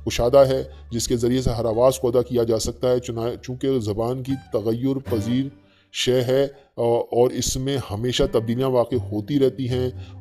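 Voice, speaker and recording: A man giving a conversational lecture, often checking in with his listeners and reciting verses slowly. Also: mid-range voice, dark tone. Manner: conversational, fillers and frequent "theek hai ji" asides. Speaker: teacher. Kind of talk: spoken lecture on language history.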